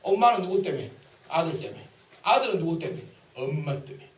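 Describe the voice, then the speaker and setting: Male preacher, joking and expressive sermon delivery; high pitch, roomy church sound. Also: quick pace, distant mic. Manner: animated, joking, acts out dialogue. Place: church sanctuary. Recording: echoey church hall.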